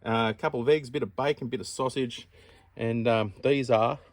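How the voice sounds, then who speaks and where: A man hosting an outdoor channel, casually demonstrating a camp stove in a relaxed, rambling, chatty way. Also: medium pitch, normal speed, no echo.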